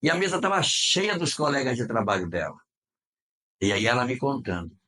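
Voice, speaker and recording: A spiritist lecturer with a Brazilian Portuguese accent delivers a religious talk in a mid-range, sharp-toned voice at a moderate pace. His pitch swings widely as he tells stories expressively, repeating phrases for emphasis.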